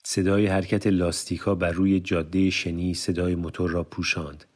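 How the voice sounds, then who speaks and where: Deep low-voiced guy narrating an audiobook, measured and formal. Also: level tone. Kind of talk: scripted literary narration.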